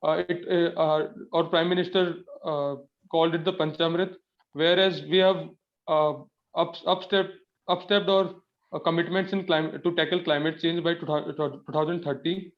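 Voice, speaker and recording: A young Indian man with a slightly high voice answers formally as an interview candidate. He sounds nervous and halting, deferring politely to the panel. The recording is dull and lo-fi. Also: flat delivery. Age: young adult. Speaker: civil service candidate in a mock interview. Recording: dull lo-fi audio.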